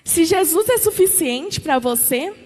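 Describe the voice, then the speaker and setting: High-voiced Brazilian woman preaching in church. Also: lively intonation, unhurried, a little mellow. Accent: Brazilian Portuguese. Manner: repetitive, emphatic questioning. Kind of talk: sermon. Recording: long church reverb.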